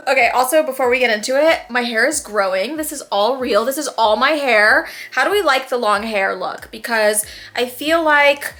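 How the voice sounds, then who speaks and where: Energetic young female vlogger, slightly high and bright, gossipy casual chat. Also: normal speed, a little hiss or hum. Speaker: vlogger, former reality TV cast member.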